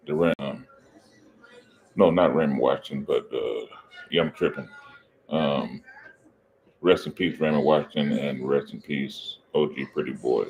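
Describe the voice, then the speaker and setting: Very deep-voiced man hosting a reaction stream. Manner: casual, rambling, with fillers and self-corrections. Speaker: reaction channel host. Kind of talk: live reaction commentary.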